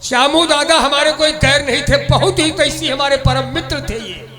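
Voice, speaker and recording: A man playing a scheming middle-aged village headman in a folk stage drama, declaiming loudly. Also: extremely high pitch, moderate pace, over music. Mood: generous. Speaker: stage actor. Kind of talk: folk nautanki stage acting.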